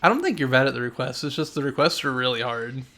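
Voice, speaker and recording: A man's voice: medium pitch, animated, quick pace, sharp tone. A young man streaming a game live, chatting with viewers, rambling and correcting himself as he goes, sneezy today. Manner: chatty, reads chat aloud, rambling self-corrections. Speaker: gaming streamer. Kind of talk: live gameplay commentary.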